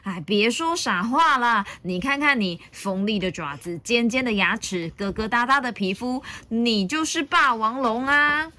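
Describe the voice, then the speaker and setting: A woman's voice: a little high, animated, measured pace, hardly any pauses, sharp tone, voice pushed up. A woman voicing a big greedy male tyrannosaurus, sly and menacing, with a chuckling manner. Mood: insistent.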